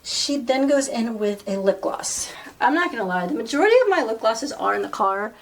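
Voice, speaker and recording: A woman's voice: fairly high pitch, lively intonation, a little fast. A woman chatting casually as a beauty vlogger at home, rambling through asides and poking fun at herself. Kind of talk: casual chat while doing makeup. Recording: voice a bit far from the mic, faint noise.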